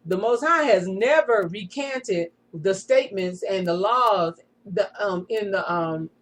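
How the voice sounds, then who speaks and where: A woman reads old scripture aloud at an even pace, her voice sitting in a middle pitch. She breaks off now and then for a quick remark or a murmured affirmation. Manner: steady reading, with quick asides and short affirmations. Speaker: Bible study reader. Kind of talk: reading scripture aloud with commentary.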